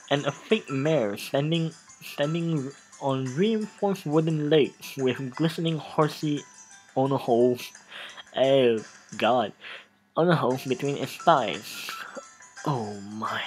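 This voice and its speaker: A let's play host does a dramatic reading of game text, slowly and with animation, adding asides and often repeating or restarting phrases. The mid-range voice is captured in a low-quality recording with music playing behind it.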